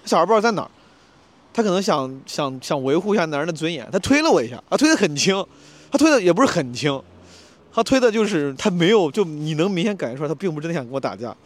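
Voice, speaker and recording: A man telling a story in a casual vlog, animated and acting out a quarrel in a raised voice. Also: on the high side, fast talker. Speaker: comedian vlogger.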